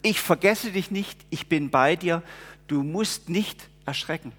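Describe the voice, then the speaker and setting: A preacher voicing Jesus, calm and consoling. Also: male voice, a little high, unhurried, in a large hall. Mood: reassuring. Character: Jesus, calm reassuring male Lord.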